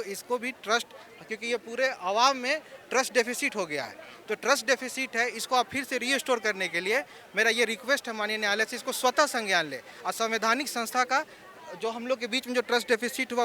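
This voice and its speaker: A man's voice: very high-pitched, pushed and bright. A man, a protesting exam candidate, making formal demands in a street interview outdoors.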